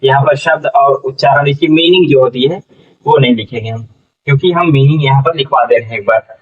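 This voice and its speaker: A man teaching a classroom phonics lesson, sounding out syllables slowly and asking students to repeat. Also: mid-range voice. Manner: slow, spells out syllables, repeats questions to students. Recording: dull lo-fi sound from a distant mic.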